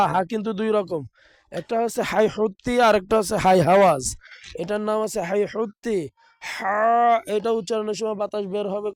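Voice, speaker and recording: Man, madrasa teacher, slow drilled chanting, crisp resonant voice. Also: high voice, no room sound. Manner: slow, drawn-out demonstration of letter sounds; recites lists in a chanting, drilled way. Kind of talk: online Arabic pronunciation lesson.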